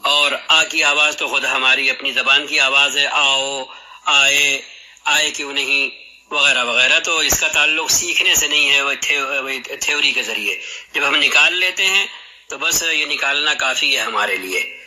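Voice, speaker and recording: A Quran recitation teacher with a medium-pitched, sharp-toned voice teaches how letters are articulated, heard over poor audio. He explains patiently and demonstrates the throat sounds aloud as he goes.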